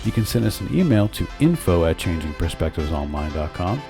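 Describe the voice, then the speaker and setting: A man's voice: low voice, big pitch swings, brisk, over music. A man co-hosting a casual home podcast with his partner, earnestly arguing his point and reading the show plugs upbeat. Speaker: podcast co-host. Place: home room with sleeping dogs.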